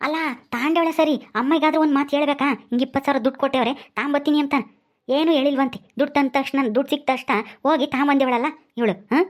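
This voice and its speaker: A woman's voice: high voice, steady tone, quick pace, pitched below the performer's own voice, close to an everyday voice. A woman voicing a stern older brother from a village who scolds with nagging questions. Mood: scolding.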